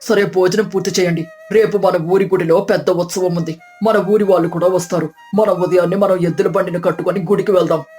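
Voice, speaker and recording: Brief: older village father-in-law, steady and kindly, as a voice actor plays him; animated storybook, faint music behind. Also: medium pitch, fairly quick, few pauses, close to an everyday voice. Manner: calm, gently advising.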